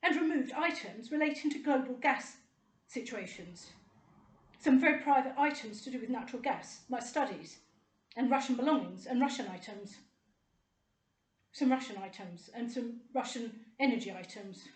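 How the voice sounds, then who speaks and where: High-pitched, indignant woman. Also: expressive, normal speed, reverberant. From United Kingdom. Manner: indignant, rambling, sarcastic. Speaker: vlogger. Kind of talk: personal monologue to camera.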